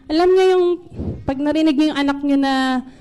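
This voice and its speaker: A woman's voice: sits high, brisk, dark tone, poor audio. A woman telling a church congregation about an emergency-room ordeal, chatting casually, mixing English into her Tagalog and laughing between phrases. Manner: conversational, with Tagalog-English code-switching. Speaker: speaker sharing a testimony. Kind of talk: testimony to a congregation.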